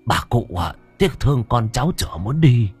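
A man voicing a bossy, gruff old male village shaman who barks orders and scolds. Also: mid-range voice, sing-song, moderate pace, a little mellow, dry recording, soft background music. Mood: scolding. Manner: barking, scolding, urgent.

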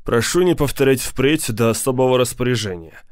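A man voicing a big, menacing lawyer who speaks slowly and with cool politeness. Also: mid-range voice, no room sound, studio quality, lightly acted. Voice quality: slow, measured, coolly polite. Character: big cold male mobster lawyer, menacing, patient.

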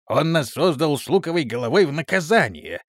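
A man acting out a pompous onion-headed clone captain, voice raised high and loud. He blusters with lively swings, in a dry, close recording. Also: brisk, no echo.

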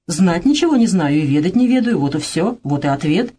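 A woman's voice: lowish voice, expressive, fairly quick, dark tone, slightly rough. A woman voicing a stolid, sly male house servant in a dramatized reading of a play, who talks bluntly and stubbornly plays dumb. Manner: blunt, stubborn, feigning ignorance.

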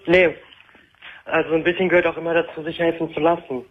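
A man in his twenties calling a late-night talk show on a hands-free speakerphone, hesitant and halting. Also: a little high, little pitch movement. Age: 20s. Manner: hesitant, halting, with many fillers. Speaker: caller. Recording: muffled speakerphone phone line.

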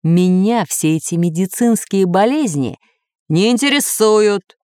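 A woman's voice: low-pitched, normal speed, no echo, clean studio sound, lightly acted. A woman voicing a pompous, angry male villain lord in a children's audiobook, growling and snapping. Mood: furious. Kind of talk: audiobook character voice.

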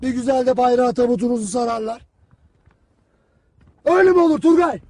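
A stern army commander who berates his soldiers, his voice pitched very high and harsh. He barks cutting orders and shouts. The sound is completely dry and close. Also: expressive, fairly quick, husky, no room sound, exaggerated voice. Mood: bitter. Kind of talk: film drama acting.

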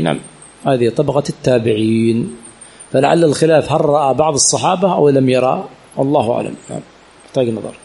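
The sheikh's voice here is on the high side, gravelly, a little mellow, and slightly rough. He teaches hadith chain studies at a religious teaching center in a classroom lesson with Q&A, often repeating key words and putting rhetorical questions to his students.

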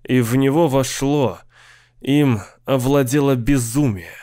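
A man's voice: mid-range voice, takes it slowly, warm tone, no room sound, clean studio sound. Man reading a dramatic audiobook. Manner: acts out the character's cries with rising intensity. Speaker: audiobook narrator.

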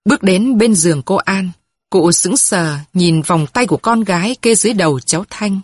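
A woman reading a scripted story narration in a slow, measured and even way. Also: medium pitch, breathy edge, dry recording, clean studio sound.

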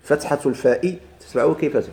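A man's voice: on the high side, fairly quick, creaky, a little mellow. A man with a Moroccan accent teaching a grammar lesson, putting questions to his students and answering them himself, repeating each key point.

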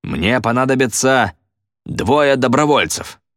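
A man voicing a smug stage magician with a slow, drawn-out, mocking showman delivery in a storybook reading. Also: medium pitch, expressive, a bit bright, dry recording, clean studio sound, voice pushed up. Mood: showy.

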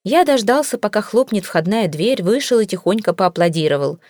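A woman reading a humorous fantasy audiobook in lively, expressive narration. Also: mid-range voice, a little fast, dry recording, studio quality.

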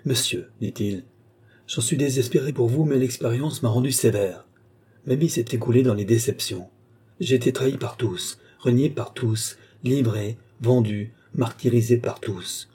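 A man's voice: medium pitch, normal speed, warm tone, breathy edge, close to an everyday voice. A man voicing a suspicious, touchy older male philosopher in an audiobook, hurling accusations and lamenting his betrayals. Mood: indignant. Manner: accusing, self-pitying outbursts.

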